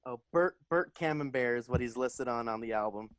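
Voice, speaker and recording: A man's voice: medium pitch, fairly quick, dry recording. A man co-hosting a podcast over a video call, rambling easily through album titles from his collection. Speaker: podcast co-host. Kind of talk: casual chat about vinyl records.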